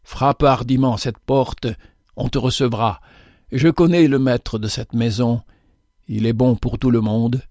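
A man's voice: medium pitch, steady tone, unhurried, a little mellow, no echo, studio quality, close to an everyday voice. A man doing a humble ragged beggar. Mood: earnest. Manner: humble, earnest storytelling. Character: humble ragged male beggar, meek and compassionate.

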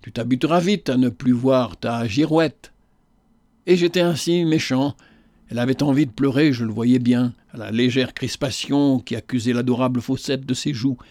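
A man reading a literary novel aloud in the first person, in a measured, unhurried manner. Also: mid-range voice, a little mellow, no echo. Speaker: narrator.

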